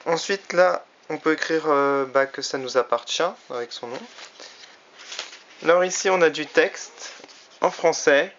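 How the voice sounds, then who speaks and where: Chatty man with a higher voice. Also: a little slow, fairly bright tone, slight background noise. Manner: chatty, frequent hesitations. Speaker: toy reviewer. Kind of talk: casual product review. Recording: slightly dull lo-fi recording.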